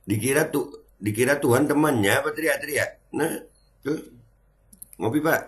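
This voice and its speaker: A man's voice: medium pitch, normal speed. A middle-aged man, hosting a casual reaction commentary in a mocking, chatty way with his audience. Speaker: host.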